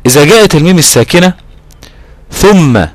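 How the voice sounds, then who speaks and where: A man with an Egyptian accent teaching a recitation lesson, repeating key terms and slowing down to draw out his recited examples. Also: fairly high pitch, expressive, no echo. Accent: Egyptian Arabic. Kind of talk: explanatory lesson.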